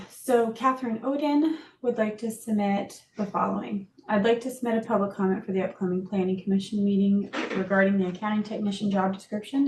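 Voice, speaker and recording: A woman with a mellow, mid-pitched voice speaks as a meeting clerk in a procedural reading style. The recording is very roomy and echoey, with a faint rumble of noise behind her. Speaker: meeting clerk or staff member. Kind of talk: procedural talk and reading correspondence aloud.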